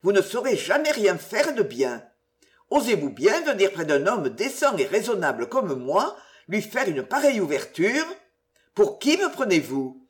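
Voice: medium pitch, big pitch swings, normal speed, lightly acted. A reader voicing a crafty, pompous old Scottish inn waiter who preaches with mock virtue.

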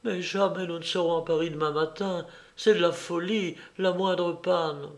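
A man reading an audiobook, voicing an anxious young woman who frets and worries, lifting his pitch slightly. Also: moderate pace, a bit bright, close to an everyday voice. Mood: worried. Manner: worried, fretful. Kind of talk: audiobook character voice.

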